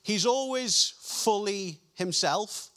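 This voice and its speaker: A man preaching a sermon, reading scripture passages in a lower, softer voice and slowing down to stress key lines. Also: lively intonation.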